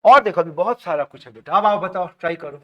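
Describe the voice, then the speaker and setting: A man's voice: sits high, expressive, fast talker, dull audio. A man teaching chemistry in a classroom, coaxing students, repeating their answers back and prompting them by name.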